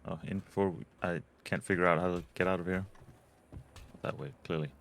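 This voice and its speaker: Low-voiced man musing over a game. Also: fairly even intonation, brisk, fairly bright tone, a little hiss or hum. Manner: musing, thinking aloud. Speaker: gamer. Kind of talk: casual let's play commentary.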